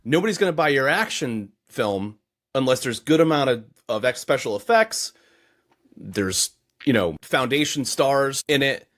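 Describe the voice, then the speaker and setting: A man talking casually on a podcast, chatty and laughing easily, often closing his points with a quick "right?". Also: mid-range voice, animated, a bit bright.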